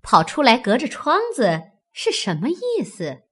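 A woman voicing a shrewd, sharp-tongued noble mistress in an audiobook of a classic novel, with an arch, needling manner. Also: fairly high pitch, huge pitch swings, a little slow, breathy edge, exaggerated voice.

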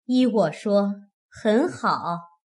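A man reading an audiobook, voicing a shrewd, sharp-tongued young noblewoman who talks quick and cutting. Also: high voice, animated, voice pushed up, heavily acted. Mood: teasing. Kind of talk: audiobook character voice.

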